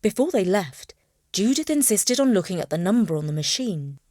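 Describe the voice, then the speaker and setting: A woman's voice: medium pitch, very animated, moderate pace, warm tone, no echo. A woman telling a children's story with scripted, playful narration. Her mid-range voice moves expressively up and down, and the recording is close and dry with no room sound.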